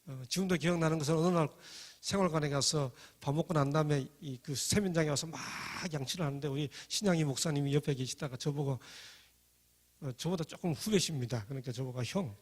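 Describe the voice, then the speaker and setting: Husky middle-aged man telling a story. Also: on the high side, quick pace, in a large hall. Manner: lively, acts out quoted voices. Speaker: speaker giving a personal testimony. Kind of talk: storytelling testimony talk.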